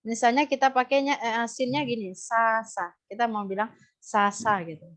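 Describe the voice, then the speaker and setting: Speaking at a moderate pace in a steady, somewhat high voice, an Indonesian-accented woman leads a live Quran recitation class. She takes student questions and shows how each sound should be pronounced, though the online audio is dull and lo-fi.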